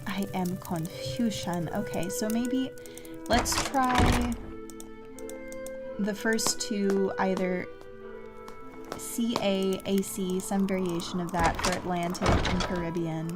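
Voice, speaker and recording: A woman streams a puzzle game with casual commentary, thinking aloud, musing to herself and reading clues aloud. Her mid-range voice is fairly even and slow, and game music plays behind her.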